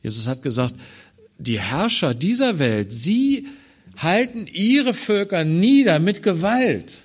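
A man preaching a sermon on a Bible passage, swinging from loud emphatic phrases to quiet low ones. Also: big pitch swings. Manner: slow, deliberate delivery.

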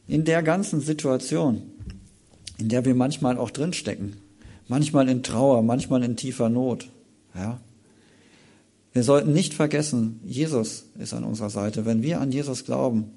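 A man preaching a Sunday morning sermon, reading scripture aloud and then commenting on it in a casual, lively way. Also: medium pitch, gravelly.

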